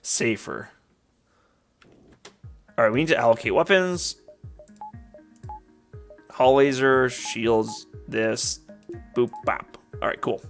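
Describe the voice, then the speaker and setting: A man giving casual commentary while playing a game, rambling on with lots of filler words. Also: medium pitch. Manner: rambling, filler-heavy, frequent "like". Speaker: let's play YouTuber. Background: faint game music.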